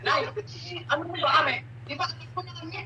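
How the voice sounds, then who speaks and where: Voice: very high-pitched, steady tone, fast talker, distant mic, highs cut off, very noisy. A Filipino speaker on a call accusing and pleading with someone, confronting them sharply.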